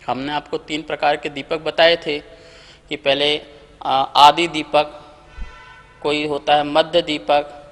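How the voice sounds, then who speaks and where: Male scripture teacher, slow deliberate delivery, leads recitation drills, hall reverb. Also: a little high, fairly bright tone. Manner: slow, deliberate, syllable-by-syllable recitation for students to repeat. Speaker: Jain monk teaching scripture.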